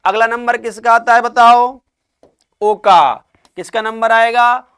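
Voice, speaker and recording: A man's voice: very high-pitched, steady tone, takes it slowly, a bit bright, clean tone. A man teaching a classroom lesson, asking questions and answering them himself, and stretching out sounds to demonstrate them.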